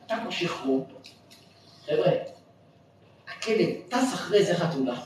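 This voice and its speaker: A man, a rabbi, telling a story in a lively, joking sermon in a synagogue, recorded from far off with heavy echo. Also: on the high side, background noise. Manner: animated, exclaiming, jokey. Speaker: rabbi giving a lecture. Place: synagogue hall. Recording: echoey hall from far off.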